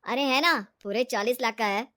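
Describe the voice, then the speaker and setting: A woman's voice: fairly high pitch, moderate pace, pushed and bright. A woman voicing a blunt, matter-of-fact male property dealer.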